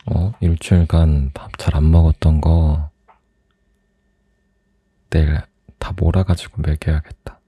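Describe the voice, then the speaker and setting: A young man in a soft, intimate ASMR role-play as a teasing, doting boyfriend, close to the microphone. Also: extremely low pitch, level tone, unhurried, long pauses, slightly rough, no room sound. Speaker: ASMR performer playing a boyfriend.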